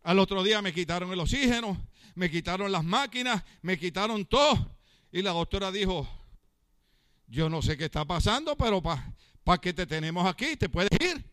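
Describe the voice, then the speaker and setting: A man preaching as pastor in church, asking his congregation questions, joking and shouting out drawn-out words for emphasis. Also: high-pitched, expressive, no room sound. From Latin America. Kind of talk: lively Pentecostal-style sermon.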